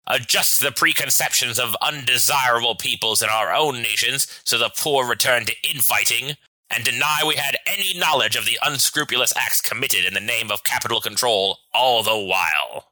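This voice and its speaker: A man playing a scheming, vain president in a satirical sketch, speaking with slow, pompous, theatrical villain menace. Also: medium pitch, bright, forceful tone, dry recording, voice pushed up, low-quality recording. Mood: coldly menacing. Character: scheming, vain, power-hungry male American president as villain. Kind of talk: scripted satirical sketch acting.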